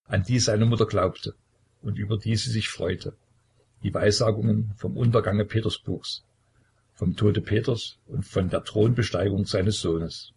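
A male audiobook narrator with a deep, very husky voice full of gravelly fry. He reads a historical novel in a measured, solemn way. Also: darkish tone. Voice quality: husky, creaky.

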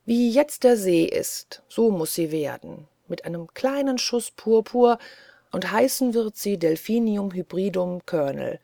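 A woman reading the lines of an old, fussy British colonel in an audiobook, earnest and softly pleading. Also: mid-range voice, expressive, unhurried, gravelly, no room sound. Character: elderly male British colonel, gentle, fussy.

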